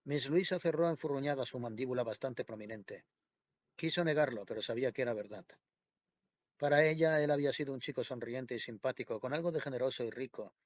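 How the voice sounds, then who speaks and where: A man narrating a classic novel in a measured, even audiobook reading. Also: medium pitch, no room sound, lo-fi sound. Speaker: audiobook reader. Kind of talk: scripted literary narration.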